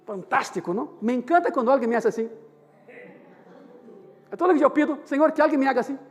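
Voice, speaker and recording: A man's voice: very high voice, fast talker. A man preaching a sermon as pastor, telling a story and acting out the dialogue. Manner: animated, acts out dialogue in the story. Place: church service. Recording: live church hall with music behind.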